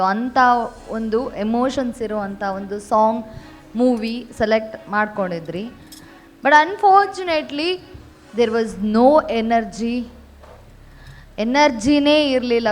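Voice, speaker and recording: A woman's voice: on the high side, a little mellow. A woman judging a dance competition, giving blunt critical feedback. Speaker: judge.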